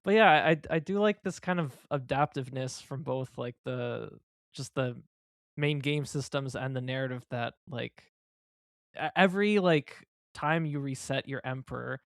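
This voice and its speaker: A man talking as a podcast panelist in casual chat, halting with restarts and "like" fillers. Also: medium pitch, gravelly, a bit bright, dry recording, studio quality.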